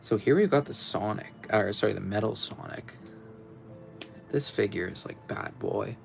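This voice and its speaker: A young man's deep, gravelly voice carries a casual livestream chat at a moderate pace while he works on a build. Soft music plays in the background, and he hesitates and rambles, restarting often and using plenty of fillers.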